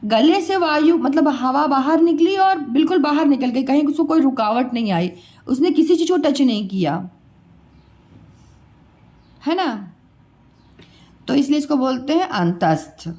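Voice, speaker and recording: Patient woman teacher with a high voice who drills sounds one by one at an unhurried pace. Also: animated, darkish tone. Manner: patient, repeats each sound and quizzes the listener. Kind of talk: classroom lesson on pronunciation.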